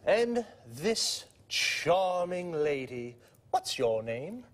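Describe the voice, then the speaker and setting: A man playing a friendly TV presenter introduces guests in a studio-style English lesson. He speaks slowly and very clearly, with lively, rising and falling pitch. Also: heavily acted. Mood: cheerful. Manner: slow, clear, lively intonation. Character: friendly male TV presenter Eric. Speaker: TV presenter in a language course. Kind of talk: scripted beginner English lesson dialogue.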